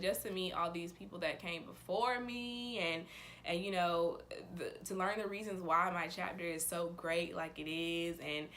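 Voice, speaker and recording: A woman's voice: on the low side, fairly bright tone, slight background noise. A woman in her twenties chatting casually to camera in a bubbly, enthusiastic sorority-girl manner. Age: 20s. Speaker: vlogger, sorority member.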